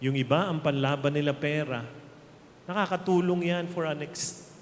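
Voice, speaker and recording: A man with a Filipino accent preaching a sermon, speaking slowly and emphatically and mixing in jokes for his congregation. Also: fairly high pitch. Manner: slow, emphatic preaching that mixes Tagalog and English, with jokes to the crowd. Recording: reverberant hall, faint ambient noise.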